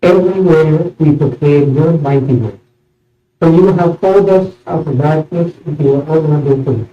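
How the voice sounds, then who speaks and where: A man serving as priest, reciting a eucharistic prayer solemnly in measured, short phrases, in a large reverberant church. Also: on the high side. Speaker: priest celebrating communion. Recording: echoey church, distant mic, muffled sound.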